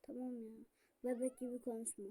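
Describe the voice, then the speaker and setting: A young woman chatting while playing a game with a friend, bossy, teasing and excitable, full of slang. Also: on the high side, brisk. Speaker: gamer. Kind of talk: casual gaming banter.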